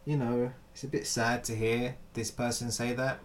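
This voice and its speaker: A man's voice: mid-range voice, flat delivery, normal speed, a little hiss or hum. A man in a casual philosophical chat, thinking aloud with hesitant restarts.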